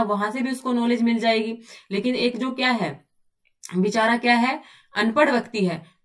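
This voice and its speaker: A woman's voice: on the high side, distant mic. Woman teacher, quizzing her own points. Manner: explains by asking and answering her own questions, often says "bhai". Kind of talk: exam-prep lecture.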